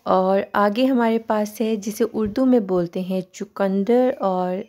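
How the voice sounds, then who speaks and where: A woman teaching English pronunciation, saying each word slowly and repeating it so learners can copy her. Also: mid-range voice, fairly even intonation, warm tone. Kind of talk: pronunciation lesson.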